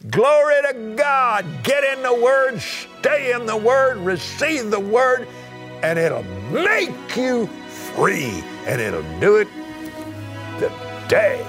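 A male preacher with a high voice that leaps up and down, repeating his points with fervor. He speaks slowly and with weight, and he punctuates the sermon with sudden exclamations of praise. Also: very animated, over music.

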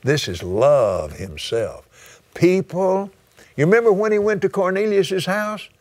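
Man preacher, high and animated, fervent sermon delivery. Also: a little slow. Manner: fervent, repetitive preaching with sudden high exclamations.

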